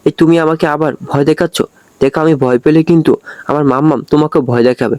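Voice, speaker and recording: A man's voice: on the high side, fairly even intonation, quick pace, darkish tone, no echo, close to an everyday voice. A man voicing a bossy, fearless little girl who scolds grown-ups in a cheeky way. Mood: bossy scolding.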